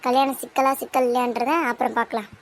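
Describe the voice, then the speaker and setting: A woman's voice: fairly high pitch, flat delivery, fast talker, slight background noise, lightly acted. A woman voicing a young bride-to-be in a cartoon soap drama, talking back firmly and cuttingly to defend her younger sister. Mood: defiant. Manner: firm, defiant, cutting.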